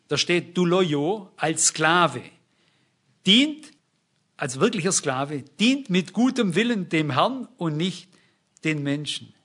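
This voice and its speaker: A man's voice: a little high, fairly bright tone. A man preaching a sermon, emphatic and often asking his listeners questions. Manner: emphatic, asks the congregation questions.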